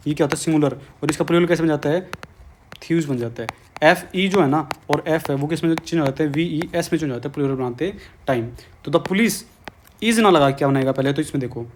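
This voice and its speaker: A man's voice: on the high side, slight background noise. A man with a Hindi accent teaching an exam-prep English grammar lesson, coaxing students and repeating his questions.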